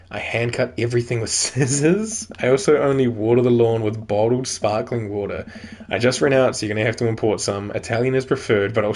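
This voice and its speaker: A young gaming YouTuber with a New Zealand accent reads a video game's dialogue aloud, cracking jokes and casual commentary between lines. His mid-range voice is a little mellow.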